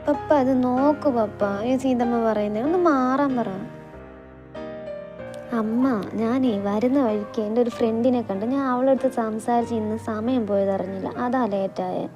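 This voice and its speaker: A woman's voice: a little high, normal speed, lo-fi sound, over music, lightly acted. A woman voicing a spoiled young daughter, whiny and impatient with her mother, in an amateur audio drama.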